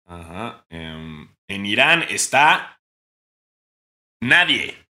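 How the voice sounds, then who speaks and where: A young Mexican man co-hosting a casual podcast chat, joking and now and then breaking into mock shouting. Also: on the low side, sing-song, drawn-out words. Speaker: podcast co-host.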